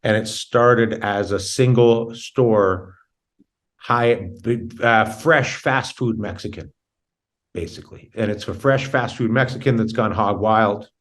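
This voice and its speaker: A man's voice: lowish voice, slow pace. A man hosting an interview show, often rephrasing his questions as he goes in a conversational way.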